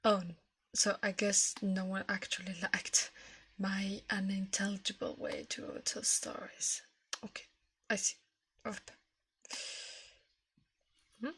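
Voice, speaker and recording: A woman whispers softly and breathily into a close mic during an ASMR livestream, reading fables and chatting with slightly non-native phrasing. Medium in pitch and fairly flat, she goes slowly and leaves long pauses, with slight background noise behind her.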